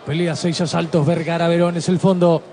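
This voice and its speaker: A man's voice: a little high, flat delivery, brisk, darkish tone. A man doing terse live blow-by-blow boxing commentary. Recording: faint ringside venue noise behind.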